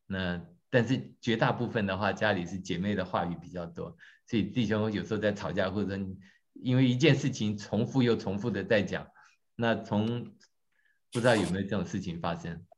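A man teaching a church class, talking in a lively way, quizzing his audience and joking about himself. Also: lowish voice, fairly quick, a little hiss or hum. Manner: lively, questions the audience, tells jokes on himself. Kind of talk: interactive teaching talk. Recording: dull lo-fi recording.

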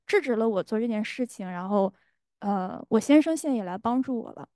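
女性，在教会里真诚地作见证. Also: female voice, fairly high pitch, animated, brisk, dark tone, no room sound, clean studio sound. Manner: earnest, many fillers, acts out inner voices. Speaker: church member giving testimony. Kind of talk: church testimony.

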